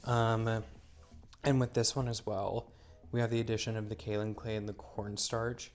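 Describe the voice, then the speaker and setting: Faint music sits behind a low-ish male voice with little pitch movement and normal speed. Though still stuffy and slightly wheezy from a cold, he cheerfully runs through a hands-on how-to of the product he made, explaining each step as he works.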